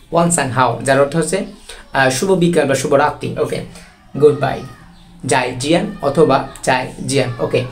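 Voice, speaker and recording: A man with a Bangladeshi Bengali accent teaching an online language lesson, explaining slowly and repeating each phrase with drawn-out model pronunciations. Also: on the high side, darkish tone.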